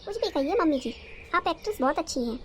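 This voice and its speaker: A woman's voice: very high voice, animated, quick pace, a little hiss or hum. A woman voicing a quarrelsome, resentful young wife in a cartoon story, scolding and sarcastic. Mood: angry.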